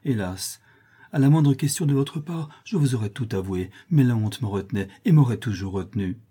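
A man reading a tearful, shy and pious young woman in an audiobook, in a soft, pleading, emotional voice. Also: mid-range voice, animated, normal speed, breathy edge.

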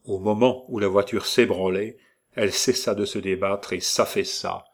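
A man narrating a novel aloud with a fairly low voice. His delivery is measured and even, in the manner of an audiobook reader.

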